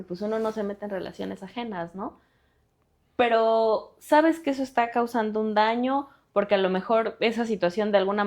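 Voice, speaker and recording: A woman's voice: mid-range voice, a little mellow. A woman with a Mexican accent, a lawyer and activist, talking earnestly and directly as a guest on a podcast interview. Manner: earnest, direct, appealing to listeners.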